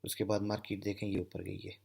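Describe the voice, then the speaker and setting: A man from Pakistan teaches candlestick chart patterns in a screen-share trading lesson, his low-pitched voice monotone, fairly quick, husky and slightly mellow with vocal fry. He explains each step carefully, often checking in with "okay" and repeating "theek hai."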